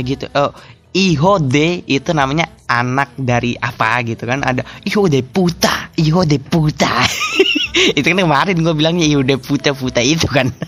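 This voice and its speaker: A man's voice: medium pitch, fairly bright tone. A young man with hosting a casual solo podcast, rambling, restarting sentences and laughing often. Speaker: podcast host.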